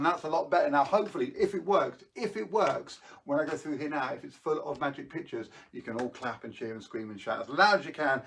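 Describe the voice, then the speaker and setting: A man presenting tricks as a kids party magician on a live show, chatty and playful, coaxing viewers to join in. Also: mid-range voice.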